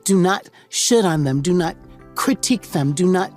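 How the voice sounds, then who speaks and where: Woman, podcast host, reverend, exuberant, emphatic, lowish voice, faint music behind. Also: animated, moderate pace. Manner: exuberant, emphatic and playful, shifts between loud and soft. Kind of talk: casual podcast conversation. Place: New York.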